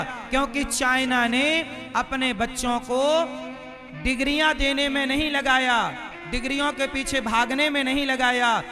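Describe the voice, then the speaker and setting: A man giving a devotional sermon to a live crowd, preaching and firing rhetorical questions at his listeners. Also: very high-pitched. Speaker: religious storyteller. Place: live religious gathering. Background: instrumental devotional music.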